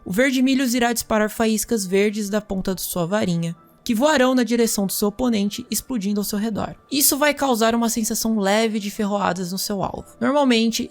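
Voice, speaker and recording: Woman playing a wizard teacher, calm explaining tone, talks right to the class. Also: medium pitch. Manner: measured, explanatory, addresses students directly. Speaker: fantasy magic teacher. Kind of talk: scripted role-play lecture.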